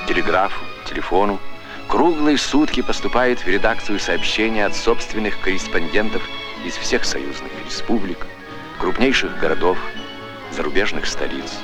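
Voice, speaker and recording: Man narrating an old newsreel, low voice. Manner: formal, declamatory announcer delivery. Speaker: documentary narrator. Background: music score.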